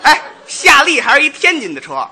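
Crosstalk guy playing the bossy director, high bright voice, crowd laughing. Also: wildly swooping pitch, normal speed, a little hiss or hum. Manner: bossy director, scolds and corrects his partner. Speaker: crosstalk performer. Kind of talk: Chinese crosstalk comedy on stage. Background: audience laughter.

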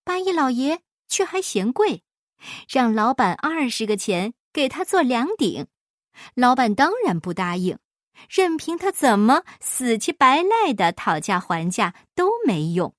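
Field: storytelling. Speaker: woman reading a children's story. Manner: expressive, slow. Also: fairly high pitch, no room sound, clean studio sound. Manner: expressive, measured.

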